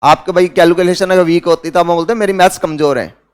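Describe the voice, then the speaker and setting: A man's voice: sits high, steady tone, brisk, clear, resonant tone. A man with an Indian accent giving a grammar lecture in a classroom, who asks his students questions and then answers them himself. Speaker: English teacher.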